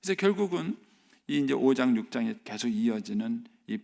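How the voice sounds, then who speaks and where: A male pastor preaching at a dawn church service, animated and acting out the voices he quotes, now and then dropping to a near whisper. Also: mid-range voice, moderate pace, vocal fry. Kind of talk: sermon at a dawn worship service. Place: church sanctuary.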